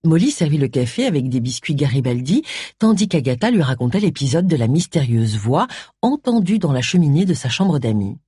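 Expressive audiobook narrator, husky tone. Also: medium pitch, a little fast, no echo, clean studio sound. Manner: expressive, varied delivery.

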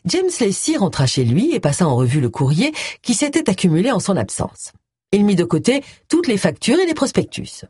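An audiobook reader doing scripted narration with an expressive, lively delivery. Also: medium pitch, moderate pace, breathy edge, dry recording, studio quality.

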